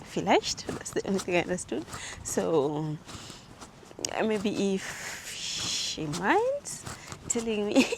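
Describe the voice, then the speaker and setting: A young woman from Africa, chatting and telling stories on a casual vlog while walking outdoors, lively and quick to laugh. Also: medium pitch, background noise. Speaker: vlogger.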